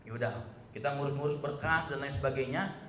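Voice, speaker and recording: A man, preaching a relaxed dawn sermon in a mosque and often turning to his listeners. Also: medium pitch, a little fast, slight background noise. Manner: chatty, addresses listeners as "Pak" often. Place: mosque hall. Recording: echoey mosque hall.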